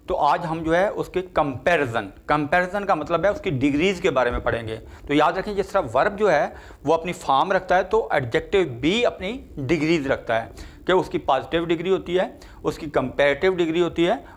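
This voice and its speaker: An older man gives a grammar lecture in a high voice. He drills each word form slowly and repeats it again and again, like a patient classroom teacher. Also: animated. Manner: slow, repetitive drilling of word forms. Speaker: English teacher.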